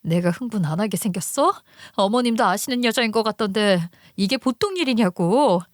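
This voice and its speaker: A woman's voice: medium pitch, lively intonation, moderate pace, no echo, studio quality, close to an everyday voice. A woman voicing a suspicious, furious wife who demands answers from her husband. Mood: shocked. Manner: sharp, demanding, agitated.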